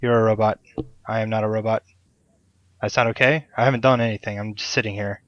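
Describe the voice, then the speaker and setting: A man's voice: lowish voice, fairly even intonation, quick pace, a bit bright, no room sound. Male podcast host, enthusiastic and rambling, casual swearing; muffled lo-fi call, dead-dry room. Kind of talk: casual chat over a Skype call. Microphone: desk mic on a call.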